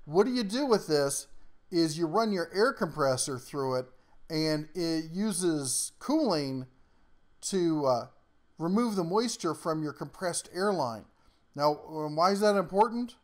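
Male tool-channel host, slightly high voice, rambling down-home delivery, easy chuckles. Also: expressive, measured pace. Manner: folksy, rambling, chuckles often; down-to-earth workshop slang. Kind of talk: casual product rundown.

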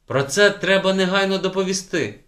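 A man's voice: medium pitch, expressive, normal speed, a bit bright, lightly acted. A man reading an audiobook voices a strict old spinster schoolteacher who speaks sternly and raises her voice in alarm. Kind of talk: audiobook character voice.

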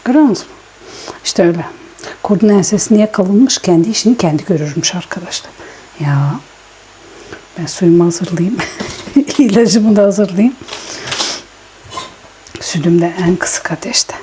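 A woman chatting casually to her viewers at home in a daily vlog, ill with a swollen sore throat and talking softly. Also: mid-range voice, lively intonation, moderate pace, long pauses, slight background noise. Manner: chatty, rambling, talks softly. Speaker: vlogger. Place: at home, indoors. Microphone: small vlogging microphone.

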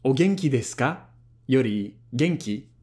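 A thirtysomething YouTube host from France is reviewing a language app, mixing a casual phone chat with talking to camera in his living room. His mid-range voice moves a little slowly, and his manner is warm and lively, full of laughter and language switching.

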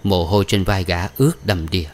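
A man reads a novel aloud as an audiobook narrator. His voice is low and his delivery steady and even. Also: fairly quick. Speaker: audiobook reader.

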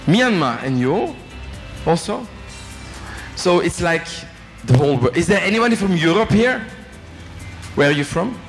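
His voice is high and very animated, unhurried and full of pauses. He's a middle-aged company executive from Belgium, French-accented, joking and chatting through a business talk for students, asking them questions and tagging lines with "eh?" into a handheld mic, in a hotel hall with long reverb and faint music.

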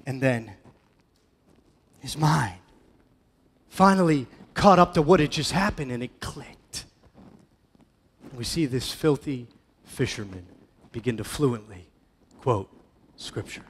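A man preaching a sermon as pastor, with a dramatic delivery that swings between loud emphatic passages and hushed ones. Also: mid-range voice, slight background noise. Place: church hall. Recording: church hall with long reverb.

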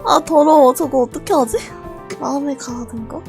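A woman streaming a game live, scolding and laughing at her viewers in a loud, shouty way. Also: sits high, normal speed, vocal fry, music in the background.

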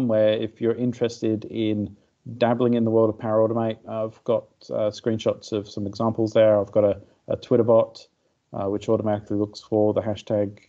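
Gravelly, hesitant man on a video call. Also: fairly low pitch, mellow. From Australia. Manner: hesitant, many fillers and restarts. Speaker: co-presenter, blogger. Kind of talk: casual meetup presentation. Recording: muffled online call audio.

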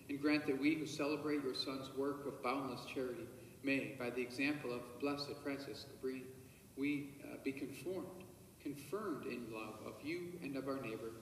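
A priest with a medium-pitched voice recites the prayers of the Mass at the altar, measured and solemn, dropping to quiet murmurs for private prayers. The audio comes from a far-off camera in a large church, echoey and faintly hissy.

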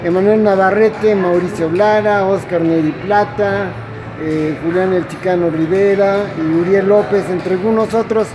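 A man, a boxing news reporter asking a trainer brisk questions off camera. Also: high-pitched, fairly even intonation, a crowd in the background. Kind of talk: interviewer questions.

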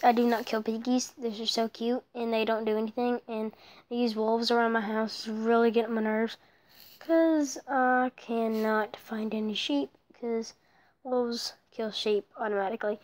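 Recording on her phone, a let's play creator rambles through commentary on her own mobile block-building game, often slipping into soft whispered asides. Her voice sits on the high side.

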